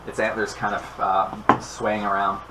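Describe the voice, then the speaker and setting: A man as game master, describing scenes in a relaxed way and chuckling between lines. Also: lowish voice, unhurried, a loud crowd, low-quality recording. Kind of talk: narrating a tabletop game.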